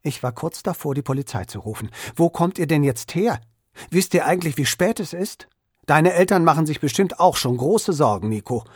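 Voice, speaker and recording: Guy doing a scolding mom, brisk, a bit husky, dry close sound. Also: a little high, lively intonation, no room sound. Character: caring but strict mother.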